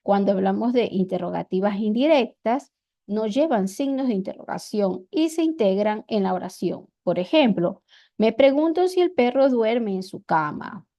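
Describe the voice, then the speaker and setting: A woman teacher with an Ecuadorian accent, explaining grammar slowly and deliberately, repeating her examples. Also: medium pitch, lively intonation, dark tone. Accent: Ecuadorian Spanish.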